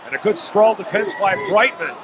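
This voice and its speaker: A man giving live MMA play-by-play in a booming, projected announcer delivery. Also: lively intonation, normal speed. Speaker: fight play-by-play commentator. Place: live sports arena. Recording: loud crowd and arena noise behind. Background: loud fight crowd.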